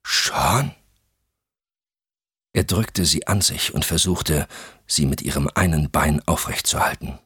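A man narrating a thriller audiobook in a measured, suspenseful reading. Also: extremely low pitch, a bit bright, husky, no echo, clean studio sound.

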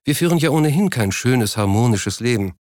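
A man reading an audiobook, voicing an unhappy, reproachful wealthy wife in a raised, softer voice. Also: mid-range voice, lively intonation, a little fast, dry recording, studio quality, lightly acted. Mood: cool. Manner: softly reproachful, drops her voice. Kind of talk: audiobook character voice.

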